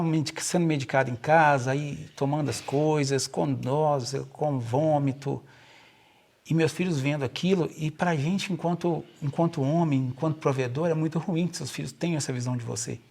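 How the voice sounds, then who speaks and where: Middle-aged man, Minas Gerais accent, earnest interview guest, fairly high, husky and gravelly. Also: a little mellow. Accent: Minas Gerais Brazilian Portuguese. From Brazil. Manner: earnest storytelling, repeats himself and restarts. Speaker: guest, nurse. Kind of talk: casual personal account.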